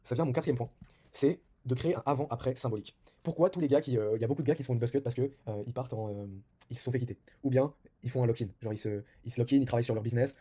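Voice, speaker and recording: Fast-talking young man, dark husky voice. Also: medium pitch. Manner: rapid, informal, many fillers and restarts. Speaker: vlogger giving self-improvement advice. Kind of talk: casual advice monologue.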